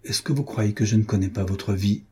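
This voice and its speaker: A man's voice: on the low side, brisk, a little mellow, breathy edge. A man reading an audiobook, voicing a cold, sceptical young lover who answers in cool, cutting reasoning. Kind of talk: audiobook reading of a classic novel.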